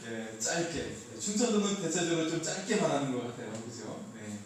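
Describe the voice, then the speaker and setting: A man's voice: fairly high pitch, big pitch swings, moderate pace, slight background noise. A man preaching a Sunday sermon, light and joking as he quizzes his congregation. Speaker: pastor. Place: church sanctuary. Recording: echoey hall, heard from a distance.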